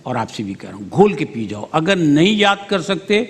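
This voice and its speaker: A man's voice: a little high, big pitch swings, in a large hall. A man judging a speech contest on a TV show, bluntly pointing out forgetting and pronunciation errors. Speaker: debate judge. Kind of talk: TV competition judging. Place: TV studio.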